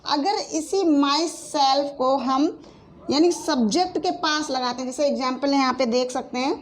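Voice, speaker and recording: A woman's voice: sits high, a little slow, slight background noise. A woman teacher explaining grammar in a lesson, repeating points with frequent fillers and correcting herself as she goes.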